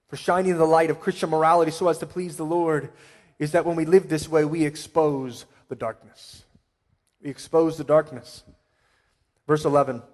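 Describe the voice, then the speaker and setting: A male pastor preaching a sermon with emphatic swells and quiet asides. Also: on the high side. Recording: long hall reverb.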